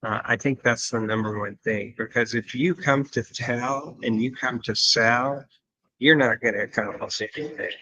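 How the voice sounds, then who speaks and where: A man's voice: mid-range voice, moderate pace, sharp tone, highs cut off. A man from Louisiana, a guest in a casual interview, speaking earnestly and repeating phrases for emphasis.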